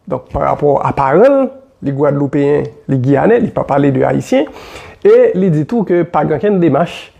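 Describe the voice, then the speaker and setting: Gravelly Haitian man commenting on football. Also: a little high. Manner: animated, repeats points with many fillers.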